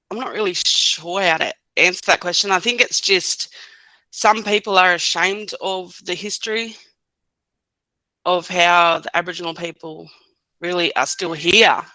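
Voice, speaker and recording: An Australian woman in her thirties speaks with a fairly low, bright, forceful voice, recorded dry and rough. She's a guest on a casual podcast interview, giving short, hesitant answers full of fillers.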